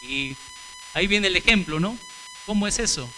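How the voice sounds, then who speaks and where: A man's voice: high-pitched, huge pitch swings, normal speed, pushed and bright, a little hiss or hum, poor audio. A man preaching a sermon, asking rhetorical questions and answering them, calling the congregation brothers and sisters.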